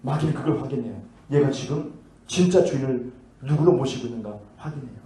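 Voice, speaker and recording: A man's voice: mid-range voice, brisk, dark tone. A man preaching a sermon who tells a story and keeps asking and answering his own questions. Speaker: pastor. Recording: echoey hall, mic at a distance.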